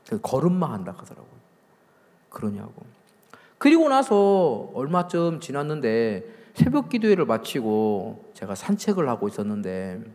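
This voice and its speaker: A man pastor preaching a sermon, telling a story with acted-out dialogue and building to loud emphasis. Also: mid-range voice. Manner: storytelling, acting out quoted dialogue. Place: large hall at a summer church camp. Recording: long hall reverb.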